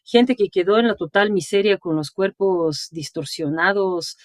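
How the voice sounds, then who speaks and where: A Bulgarian woman in her forties, a sinologist and translator, appears as an interview guest, telling stories animatedly in a mid-range, slightly slow voice. She laughs as she talks and ends almost every phrase with a questioning "no". The recording is dry with clean studio sound.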